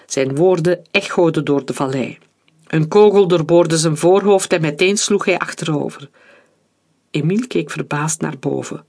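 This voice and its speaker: Audiobook narrator, steady, dramatic, measured storytelling. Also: medium pitch, gravelly. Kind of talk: audiobook reading.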